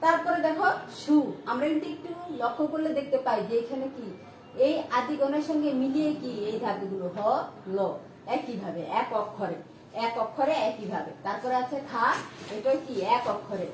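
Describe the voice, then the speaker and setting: A woman's voice: high voice, moderate pace, a little mellow, slight background noise. A woman teaching a grammar lesson to students. She repeats each point and asks herself questions as she explains. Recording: echoey room, mic at a distance.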